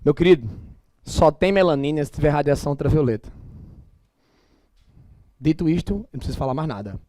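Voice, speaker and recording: Northeastern brazilian guy teaching class, highish voice, super emphatic, dry close sound. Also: a little fast, no room sound. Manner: emphatic and animated, colloquial with blunt asides. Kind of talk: classroom lecture.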